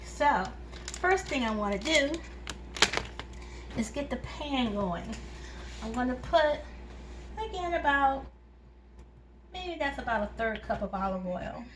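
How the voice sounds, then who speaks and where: A woman with a slightly high voice talks through a recipe in her home kitchen, easygoing and chatty. A faint ambient hum sits behind her. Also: expressive, slow pace, long pauses. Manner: chatty and homey, talks viewers through each step. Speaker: home cooking channel host. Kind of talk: casual cooking demonstration.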